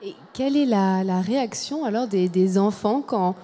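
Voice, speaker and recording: A woman's voice: mid-range voice, normal speed, dark tone. A woman moderating a panel, asking short questions.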